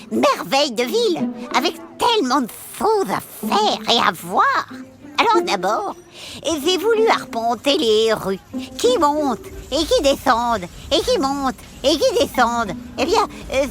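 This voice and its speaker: A woman's voice: high voice, a bit bright, full character voice. A woman voicing a cheerful, giggly female elf who tells stories to children, exclaiming often and hesitating with many fillers. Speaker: children's storyteller. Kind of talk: children's story narration.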